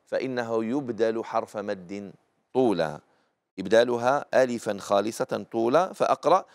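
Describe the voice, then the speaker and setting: A man's voice: on the low side, expressive, moderate pace. A middle-aged man with an Algerian accent, hosting a live TV lesson on recitation rules and explaining them patiently, often repeating the key points. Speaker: Quran recitation teacher and host.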